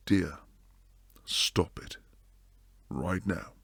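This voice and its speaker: In an intimate ASMR roleplay, a man plays a protective bodyguard boyfriend, his very deep, low, gravelly, breathy voice moving slowly and sinking into hushed whispers. Stern and weary on the surface, he carries tenderness beneath. It's heavily acted, recorded close on a dry mic with no echo.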